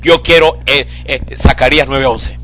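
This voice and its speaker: A man preaching an impassioned sermon, shouting in bursts and then dropping low and quiet. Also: steady tone, a little slow. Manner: emotional, admits getting carried away.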